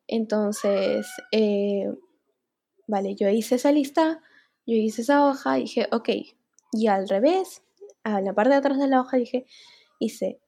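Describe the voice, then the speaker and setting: Young woman vlogger, husky and mellow, speaking openly and unscripted. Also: on the high side. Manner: candid, emotional, near tears at times. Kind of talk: unscripted personal vlog.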